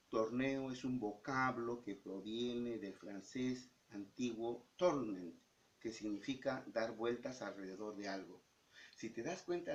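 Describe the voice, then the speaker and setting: A man's voice: medium pitch, a little mellow. A male teacher explaining exercises step by step, often checking in with the student. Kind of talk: recorded lesson explaining exercises. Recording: dull lo-fi sound.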